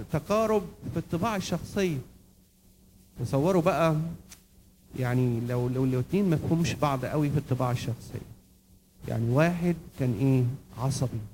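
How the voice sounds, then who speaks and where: A man's voice: a little high, darkish tone, a little hiss or hum, rough recording. A man with an Egyptian accent giving a church lecture, who keeps asking the audience questions and then answers them himself. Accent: Egyptian Arabic. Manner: quizzes the audience and answers his own questions. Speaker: church speaker.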